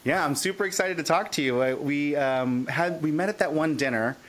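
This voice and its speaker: A man's voice: a little high, fairly quick, fairly bright tone. A man hosting a parenting podcast, chatting eagerly with his guest in a casual interview. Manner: enthusiastic, chatty with fillers. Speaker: podcast host.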